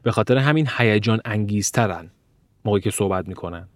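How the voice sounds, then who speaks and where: Emphatic male language teacher, dry sound. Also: no room sound. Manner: emphatic, swings pitch widely to demonstrate stress and intonation; slows down to spell out example sounds. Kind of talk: teaching lecture.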